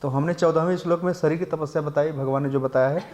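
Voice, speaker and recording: A man's voice: on the high side, fairly even intonation, darkish tone. A man giving a lecture on scripture in a temple class, explaining Sanskrit verses, asking the listeners rhetorical questions and mixing English words into his Hindi. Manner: chants Sanskrit verses slowly. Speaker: temple speaker teaching scripture.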